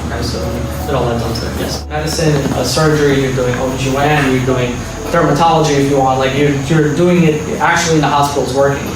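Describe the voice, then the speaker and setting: A man's voice: mid-range voice, steady tone, fast talker, few pauses, background noise. Young man, earnest and plain-spoken, heard from afar, echoey hall sound. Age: 20s. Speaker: medical school guest speaker. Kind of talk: informal talk to students. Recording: roomy hall sound from a distant mic.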